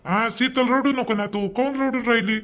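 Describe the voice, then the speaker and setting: A man, playing a young husband who coaxes his crying wife to calm down. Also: very high voice, a little fast. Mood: pleading. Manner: pleading, coaxing. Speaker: actor in a family drama. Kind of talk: amateur family drama acting.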